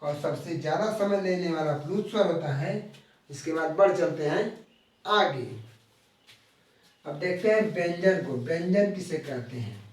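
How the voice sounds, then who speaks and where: A man with a fairly high voice teaches a live grammar lesson, repeating each key term and drawing out the example sounds. He stands back from the mic, and the sound rings in a very echoey room. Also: a little slow, recorded from a distance.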